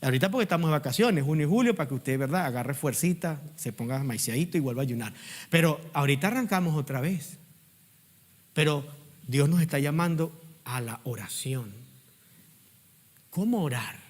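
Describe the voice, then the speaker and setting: A middle-aged man preaching a sermon as pastor, urging the congregation to repeat after him and swinging from loud emphatic peaks to quiet asides. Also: fairly high pitch, lively intonation, a little fast. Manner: preaching with call-and-response prompts to the congregation.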